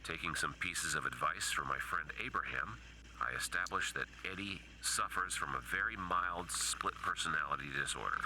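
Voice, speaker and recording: A man voicing a psychologist in a horror game, reading case notes in a measured, clinical way. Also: deep voice, bright, forceful tone, slight background noise, heavily acted, low-quality recording. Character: calm male psychologist doctor narrating case notes.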